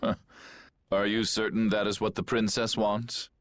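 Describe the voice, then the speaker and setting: A man's voice: fairly low pitch, level tone, moderate pace, natural voice. A man voicing a scheming, grandiose aristocratic villain in a video game, speaking in a pompous, mocking way. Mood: gloating. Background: game soundtrack.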